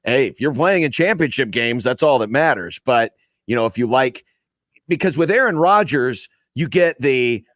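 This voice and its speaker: A man's voice: medium pitch, animated, normal speed, a bit bright, dry recording, studio quality. A man hosting a casual sports podcast, trading joking, teasing banter with his guest. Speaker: podcast host.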